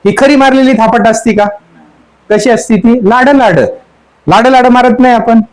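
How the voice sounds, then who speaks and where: A man with a high-pitched voice gives a sermon, teaching through the words of a song. He repeats the same line over and over and keeps asking his listeners what it means. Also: rough recording. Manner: asks the audience question after question. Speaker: spiritual teacher. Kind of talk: sermon explaining song lyrics.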